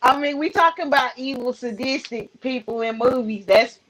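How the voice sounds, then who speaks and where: A woman co-host chats casually in a bright, sharp voice that sits a little high. She reacts informally and uses plenty of slang. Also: normal speed, poor audio. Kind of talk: casual chat, reacting to a countdown.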